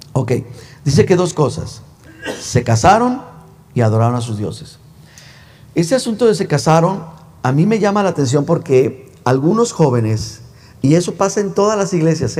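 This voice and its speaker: A man's voice: mid-range voice, a little mellow. A male pastor preaching a sermon in a conversational, teasing way, full of rhetorical questions. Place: church sanctuary. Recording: long church reverb.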